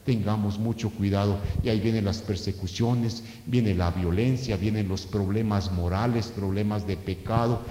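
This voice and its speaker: A man preaching a sermon as pastor, with sharp swings in loudness and pitch. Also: fairly even intonation, moderate pace, hardly any pauses. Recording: echoey church hall with long reverb.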